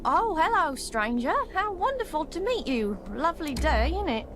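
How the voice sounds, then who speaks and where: A woman's voice: sits high, big pitch swings, moderate pace, background noise. A woman voicing a guarded game character who acts cheerfully polite to a stranger, speaking. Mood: mock-cheerful. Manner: chirpy politeness turning curt.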